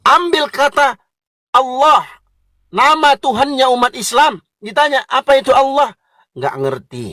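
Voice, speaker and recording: A high-pitched man preaches in a combative, mocking tone, lecturing his opponents directly. The recording is dry and close, with no room around him. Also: expressive, measured pace, pushed and bright, dry recording. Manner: combative, mocking, addresses listeners as "kau". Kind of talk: polemical religious lecture.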